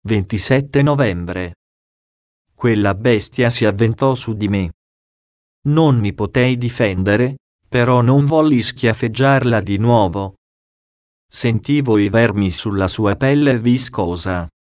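Brief: man, solemn diary reading, very slow, dry close mic. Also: on the low side, a little mellow, no room sound. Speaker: audiobook reader.

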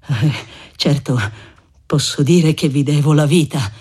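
A man's voice: a little high, fairly even intonation, unhurried, darkish tone, breathy edge. A man voicing a shaken, grateful young man who speaks earnestly and politely.

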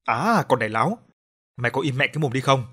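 A man's voice: mid-range voice, lively intonation, fast talker, sharp tone, breathy edge. A man voicing a foul-mouthed older village chief who bullies and curses, bellowing threats in an audiobook. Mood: furious. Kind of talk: audiobook character voice.

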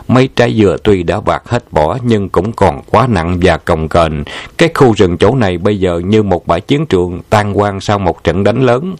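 A man calmly reading a memoir aloud in a descriptive storytelling manner. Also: sits low, no room sound. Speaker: narrator.

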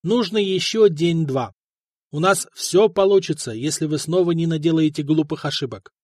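A man's voice: on the high side, moderate pace, a little mellow, no echo, clean studio sound, lightly acted. A man voicing a scheming male troupe leader who lectures his crew with authority. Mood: lecturing.

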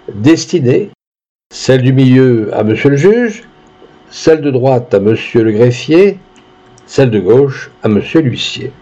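A man reading a story aloud as scripted narration, expressive and measured. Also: medium pitch, slightly rough, muffled recording. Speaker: audiobook reader.

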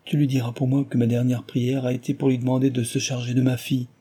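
A man voicing a sorrowful actress who speaks softly about a friend's death. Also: mid-range voice, level tone, fast, breathy edge, pitched above the performer's own voice, natural voice. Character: sorrowful actress, close friend of the dead mother.

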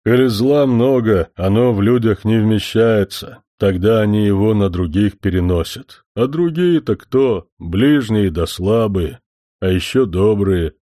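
A man voicing a young male forest spirit who speaks slowly and solemnly, a little louder than his narration. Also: fairly low pitch, expressive, dry recording, clean studio sound. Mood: earnest. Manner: slow, deliberate, solemn.

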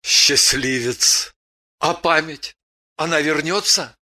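A woman's voice: low voice, slow, pushed and bright, exaggerated voice. A woman reading an audiobook, voicing an earnest, restless young male warrior pilot who keeps asking questions.

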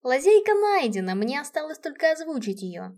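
A woman narrating a novel in the first person in a steady, expressive reading. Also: high-pitched, fairly quick. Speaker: audiobook narrator.

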